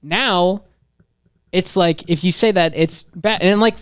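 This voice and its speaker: A man's voice: high voice, takes it slowly, clear, resonant tone, no room sound, clean studio sound. A nineteen-year-old man from Wisconsin, a podcast guest who thinks aloud in a casual, rambling way with trailing asides.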